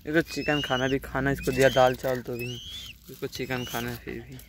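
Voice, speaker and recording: A man's voice: mid-range voice, flat delivery, brisk, noisy background. A man vlogging casually outdoors near trees and a farm, chatty and always telling viewers to look. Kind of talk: casual vlog narration. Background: birds and animals calling.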